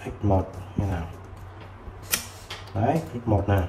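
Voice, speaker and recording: A man selling used tools who chats casually while showing old multimeters, filling pauses with short words. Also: fairly low pitch. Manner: chatty, fills with "đấy" and "rồi". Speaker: used tool seller. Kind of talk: casual product demo. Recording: roomy with faint background noise.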